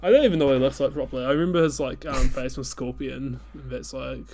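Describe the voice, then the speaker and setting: A man's voice: mid-range voice, quick pace, mellow. A man co-hosting a podcast in casual chat, blunt and dismissive, swearing often. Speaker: podcast co-host.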